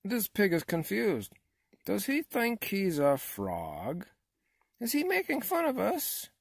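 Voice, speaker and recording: A storyteller voicing indignant, excitable pond frogs, exclaiming in a storybook reading. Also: takes it slowly, creaky, breathy edge, no echo, studio quality, full character voice. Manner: exclaiming, high and loud.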